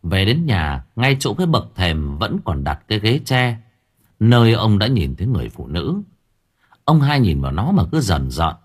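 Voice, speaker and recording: Husky male voice narrating a horror story. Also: on the low side, big pitch swings, normal speed. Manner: dramatic, suspenseful storytelling. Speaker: audiobook narrator.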